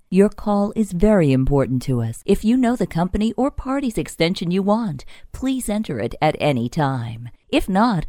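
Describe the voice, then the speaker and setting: A woman voicing polished, cheerful phone system greetings and menu prompts, clearly enunciated, on a close studio mic. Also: medium pitch, warm tone. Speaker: phone system voice-over artist. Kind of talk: scripted phone greeting demo reel.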